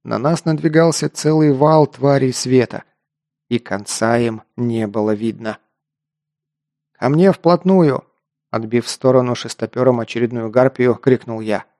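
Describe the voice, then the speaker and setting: A man narrating a first-person fantasy action audiobook, steady storytelling that lifts into louder voiced dialogue. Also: medium pitch, moderate pace, no echo, clean studio sound.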